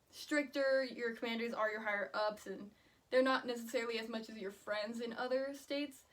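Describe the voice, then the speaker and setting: Woman giving a presentation, distant microphone. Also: a little high. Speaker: student presenter. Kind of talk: prepared oral presentation of interview research.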